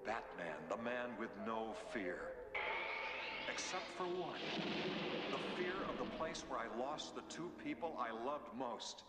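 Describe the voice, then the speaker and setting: A man voicing a solemn, resolute masked crime fighter in an animated cartoon drama. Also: medium pitch, measured pace, close to an everyday voice. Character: brooding, resolute adult male masked vigilante. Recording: hall reverb, music underneath.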